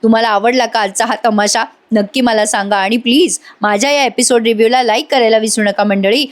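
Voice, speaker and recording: A woman's voice: on the high side, steady tone, a little fast. A woman giving a chatty voice-over review of a TV serial, addressing her viewers directly, with a slightly strained voice.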